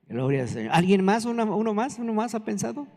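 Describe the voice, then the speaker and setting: A man's voice: high voice, darkish tone. A man, preaching a conversational sermon and asking the congregation questions. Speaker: pastor. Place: church hall. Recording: reverberant church hall.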